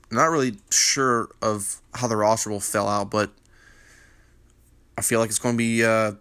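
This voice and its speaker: Man, congested sinus voice, rambling sports talk, bright tone, dry close mic. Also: on the low side, dry recording. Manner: rambling, filler-heavy, opinionated. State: congested morning voice from a sinus infection. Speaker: basketball news panel host. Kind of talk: casual sports commentary.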